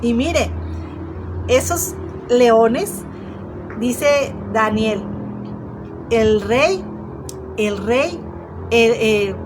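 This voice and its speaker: High-voiced woman preaching. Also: animated, extremely slow, long pauses, background noise. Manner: storytelling, addresses listeners directly, frequent restarts. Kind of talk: sermon.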